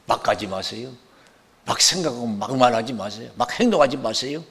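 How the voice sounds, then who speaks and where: A male pastor delivers a sermon in a church sanctuary, his gravelly voice carrying a long hall reverb. He preaches emphatically, rising to loud outbursts and then sinking to hushed asides. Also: medium pitch, lively intonation, brisk.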